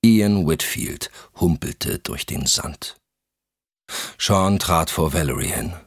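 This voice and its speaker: Deep husky male audiobook narrator. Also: slow, dry recording, clean studio sound. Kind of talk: scripted narration.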